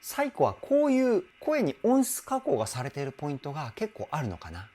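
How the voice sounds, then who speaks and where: Male vocal coach, song analysis commentary, excitable, demonstrates sounds, very lively intonation. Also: a little high, brisk.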